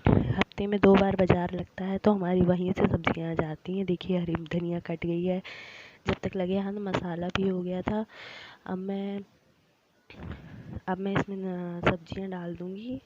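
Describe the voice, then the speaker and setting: A young woman talks viewers through her home cooking in a chatty voice-over, going step by step and pausing now and then for breath. Her voice comes through dull and lo-fi, and loud noise runs under the whole recording. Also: on the low side, flat delivery. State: slightly short of breath while talking. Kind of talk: casual voice-over narration of cooking. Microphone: voice-over recorded while editing.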